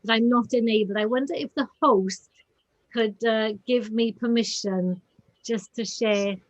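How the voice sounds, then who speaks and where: A woman's voice: on the high side, unhurried, highs cut off. A woman with a Welsh accent giving an informal, explanatory lecture over a video call, slipping into Welsh phrases. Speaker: guest speaker, professor.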